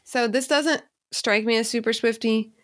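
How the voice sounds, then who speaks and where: A woman's voice: a little high, steady tone, normal speed, dry recording, studio quality. A woman co-hosting a podcast, chatting casually and frankly about a song, laughing often and joking wryly. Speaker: podcast co-host. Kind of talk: casual chat reviewing songs.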